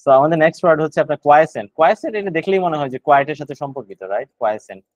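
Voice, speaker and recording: A man's voice: on the high side, animated, very fast, no echo, rough recording. Man leading a casual vocabulary session. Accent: Bangladeshi. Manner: thinking aloud, searching for words. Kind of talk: casual online vocabulary lesson.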